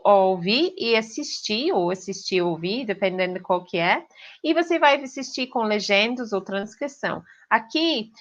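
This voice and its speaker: A British woman, a native English speaker with an English accent, teaches pronunciation online in a clear teaching tone. Her medium-pitched voice is fairly bright, the sound is lo-fi, and she frequently checks in with her students by asking "ok?"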